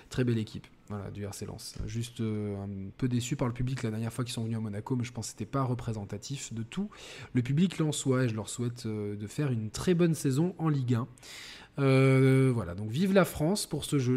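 A man's voice: medium pitch, darkish tone. Rambling man hosting a game stream. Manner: rambling, many fillers and restarts. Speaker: gaming channel host. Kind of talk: casual live-stream chat with viewers.

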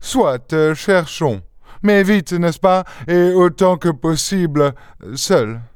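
A man's voice: fairly high pitch, slow, no room sound, pitched above the performer's own voice. A man voicing a curt, grumbling English detective, speaking dryly in a raised voice. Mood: sec. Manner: curt, dry, gruff.

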